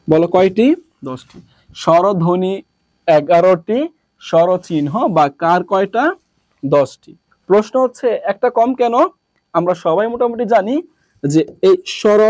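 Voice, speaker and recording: A male teacher from Bangladesh drills his students, firing off questions and then answering them himself, dropping to a lower voice. His voice sits high, and it is recorded close and dry with no room sound. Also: darkish tone, dry recording. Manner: repetitive, drilling. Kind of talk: classroom lesson.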